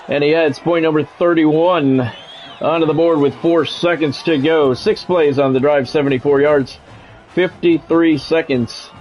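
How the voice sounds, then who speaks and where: Fairly high in pitch but darkish in tone, this middle-aged man does radio-style play-by-play over a sports video game as a gaming streamer. His calls are short and clipped, mixed with salty, offhand remarks. Audio quality is poor, with slight background noise.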